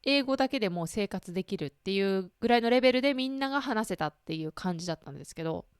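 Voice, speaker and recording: A woman's voice: medium pitch, expressive, racing, smooth, no room sound, clean studio sound. A woman in her thirties hosting a casual solo chat, talking to listeners with lots of fillers, asides and self-deprecating questions. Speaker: podcast host.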